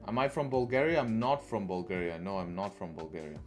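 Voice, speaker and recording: A low-voiced, brisk man from England hosts a live trading stream, chatting casually, repeating phrases, and answering questions from chat, with soft music in the background.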